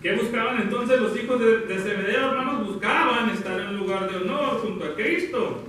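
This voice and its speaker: A man preaching a sermon, talking warmly to the congregation as brothers and sisters, pausing and correcting himself as he goes. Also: high-pitched, a little hiss or hum. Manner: addresses listeners as brothers, halting with self-corrections. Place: church hall. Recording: very echoey hall, from far off.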